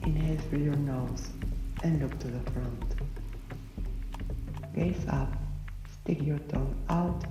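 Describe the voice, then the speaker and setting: A woman narrating a scripted guided breathing exercise as an instructor, in measured, instructional phrases with short pauses. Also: low voice. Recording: roomy, distant voice under loud music. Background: loud music.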